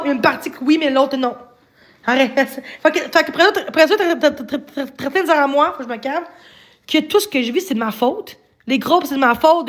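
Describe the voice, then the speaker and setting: A young woman with a Quebec French accent, ranting defensively on a livestream and stumbling over repeated words. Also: high-pitched. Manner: agitated, defensive, stammering repeats. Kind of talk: upset livestream rant.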